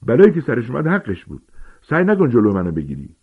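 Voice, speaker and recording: A man's voice: mid-range voice, sing-song, slightly rough, pitched above the performer's own voice. A man voicing an angry teenage boy who answers back in tense, defiant retorts. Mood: seething. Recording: tinny phone-like sound.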